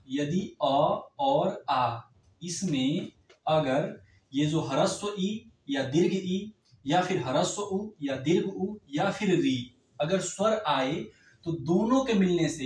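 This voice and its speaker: A man's voice: on the high side, animated, slow, recorded from a distance. A man teaching an exam-prep grammar lesson, explaining step by step and checking in with the class often. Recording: echoey room, voice off-mic.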